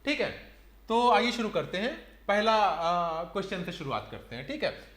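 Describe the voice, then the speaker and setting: A man's voice: sits high, very animated, normal speed, a bit bright, roomy sound. A man teaching an online exam-prep reasoning lecture, explaining step by step and counting aloud.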